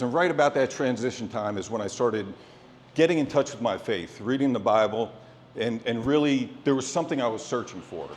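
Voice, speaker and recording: A middle-aged man delivering a prepared, sports-themed motivational speech in an earnest, deliberate way, in short phrases with pauses. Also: mid-range voice, slight background noise. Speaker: motivational speaker. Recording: echoey hall with long reverb.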